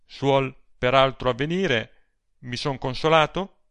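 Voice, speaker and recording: A male reader voicing an aging gallant gentleman in an audiobook, ironic and emphatic. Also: medium pitch, slow, clear, resonant tone, dry recording.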